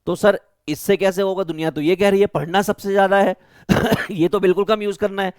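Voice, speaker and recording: A man's voice: high voice, smooth, no room sound, studio quality. A young Indian man teaching students, giving study advice like a big brother and asking and answering his own questions. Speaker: online teacher for class 11 students. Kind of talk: motivational study-advice lesson.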